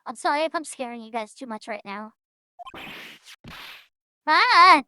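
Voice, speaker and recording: High-voiced woman streamer joking. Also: fast, clean tone, no room sound. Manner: joking, profane. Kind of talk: casual game commentary.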